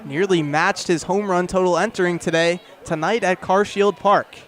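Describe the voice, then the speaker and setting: The speaker is a young man doing live radio play-by-play of a baseball game outdoors at the ballpark. His high-pitched, fairly bright voice holds a steady tone at normal speed, with descriptive calls that lift as things heat up.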